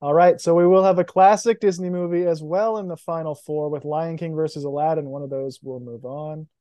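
A man's voice: a little high, steady tone, a little fast, warm tone, no room sound, clean studio sound. A young man co-hosting a podcast, chatting casually and with feeling about movies. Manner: emotional, enthusiastic about films. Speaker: podcast co-host. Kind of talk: casual chat.

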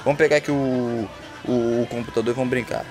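Fast, profane ranting Brazilian man. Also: mid-range voice, fairly even intonation, darkish tone, soft background music. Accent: Brazilian Portuguese. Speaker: comedy podcast host. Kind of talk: comedic rant monologue.

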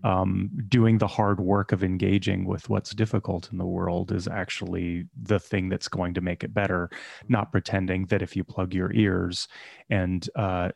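Gravelly low-voiced man, deliberate. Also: darkish tone, no room sound, clean studio sound. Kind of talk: casual roundtable chat.

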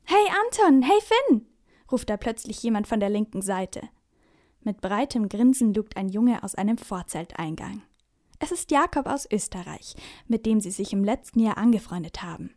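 A woman narrating a children's bedtime story in a clear storytelling manner. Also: mid-range voice, moderate pace, warm tone.

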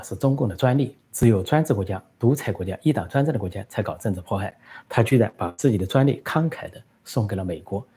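Low mellow-voiced male commentator. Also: breathy edge. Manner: conversational, many fillers. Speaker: political commentator. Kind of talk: political commentary with live Q&A.

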